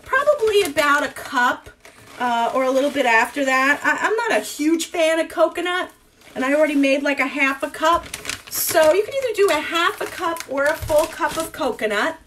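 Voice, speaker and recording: A woman's voice: high-pitched, expressive, normal speed, fairly bright tone, slight background noise. A woman in her forties teaching a live cooking class from her home kitchen, rambling and thinking aloud with lots of fillers.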